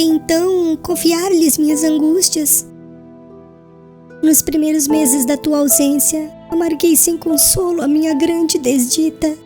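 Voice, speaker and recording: With a high voice, a woman portrays a gentle and devout young bride, frail in health, in a dramatised audiobook. Her lines are tender, humble, and phrased in a solemn literary style.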